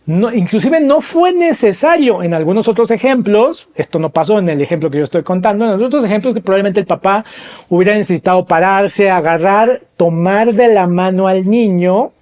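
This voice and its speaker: A man's voice: expressive, fairly quick, darkish tone. Man telling stories on a podcast. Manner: storytelling, frequent tag questions and rhetorical questions to listeners; acts out quoted voices with pitch jumps. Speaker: podcast host. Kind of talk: explanatory podcast monologue.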